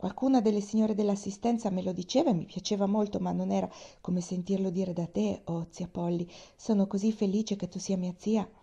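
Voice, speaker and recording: A woman's voice: mid-range voice, steady tone, fairly quick, creaky, few pauses, mellow, muffled recording. A woman voicing Pollyanna, a cheerful, eager little girl in a storybook reading.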